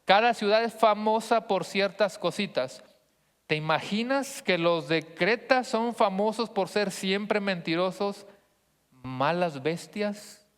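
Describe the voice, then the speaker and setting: A pastor from Monterrey in northern Mexico, with a northern Mexican Spanish accent, delivers a teaching sermon to his congregation, speaking conversationally and often checking in with questions. His voice is high and smooth, and the hall adds long reverb.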